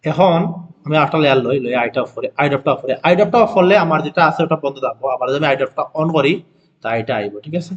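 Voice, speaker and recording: Rapid-fire man teaching design software. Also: fairly high pitch, lo-fi sound. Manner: keeps asking students if they follow; repeats steps and self-corrects. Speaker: design instructor. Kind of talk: screen-recorded software tutorial.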